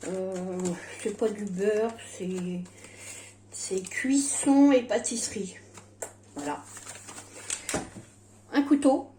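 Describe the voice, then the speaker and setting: Toothless-sounding woman, slow rambling recipe chat. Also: medium pitch, darkish tone, reverberant, slight background noise. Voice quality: toothless, slurred articulation from missing dentures. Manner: rambling, hesitant, often breaking off mid-sentence. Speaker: home cooking vlogger. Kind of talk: casual recipe demonstration, chatty. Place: at home in a kitchen.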